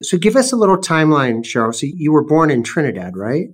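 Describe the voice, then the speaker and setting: A man's voice: on the high side, very animated, fast, breathy edge. Encouraging male podcast host. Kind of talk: interview questions.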